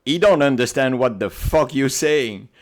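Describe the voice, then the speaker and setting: In a casual podcast interview, a man from Belgium recounts stories with animation, using non-native English with his Belgian accent. He keeps an unhurried pace at medium pitch.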